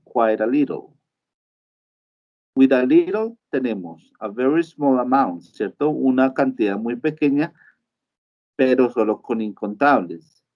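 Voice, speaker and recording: A man's voice: mid-range voice, a little mellow, dull audio. A male teacher gives a live online lesson. He explains step by step and keeps checking in with his students. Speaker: English teacher.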